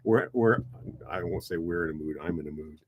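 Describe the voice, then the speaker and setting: A middle-aged man with a deep, slightly rough voice hosts a local radio talk show from the studio, speaking a little fast. He jokes and rambles through his interviews with students, restarting often.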